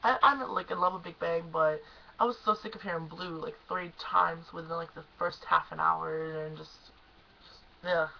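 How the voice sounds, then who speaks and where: A young woman excitedly recapping a concert she went to, gushing and emotional, at times choked up. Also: on the low side, normal speed, creaky, muffled recording, slight background noise. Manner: gushing, emotional, lots of "like" and "oh my gosh". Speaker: concert fan vlogger.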